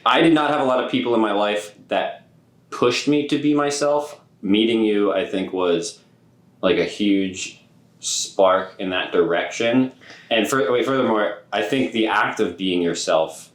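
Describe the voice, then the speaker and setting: Deep-voiced man hosting a podcast. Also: measured pace. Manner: reflective, thinks aloud with stammers and restarts. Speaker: podcast host. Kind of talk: casual podcast conversation. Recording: roomy echoey room.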